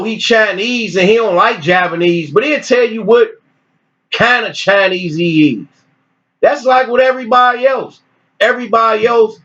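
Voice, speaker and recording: A man teaching informally and reading articles aloud with his own commentary, in an animated, preachy way with repeated phrases. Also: extremely high pitch. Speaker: religious teacher. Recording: dull lo-fi recording.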